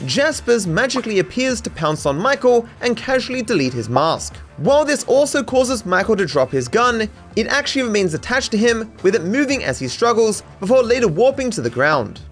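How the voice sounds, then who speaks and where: Reading a scripted comedic video essay, an Australian narrator and video creator speaks in a high voice with a mock-serious, sarcastic tone and lively, animated intonation. He talks a little fast with few pauses, and faint music runs beneath him.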